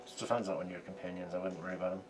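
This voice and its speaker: A man banters casually as a tabletop player. His voice sits slightly low, and loud crowd chatter surrounds it. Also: steady tone, rapid-fire.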